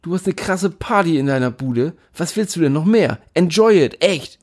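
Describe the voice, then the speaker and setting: A man's voice: on the high side, animated, normal speed, darkish tone, voice pushed up. A man voicing a dismissive young male DJ who brushes people off in an offhand tone.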